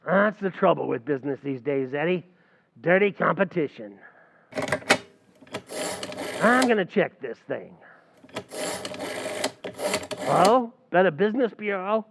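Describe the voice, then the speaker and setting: Heavily acted, this man's high voice is animated and a little slow, with vocal fry, frequent pauses, and noise in the background. He plays a brash tavern manager with schemes up his sleeve in an old-time radio comedy recreation, wisecracking and mangling big words over tinny, phone-like audio.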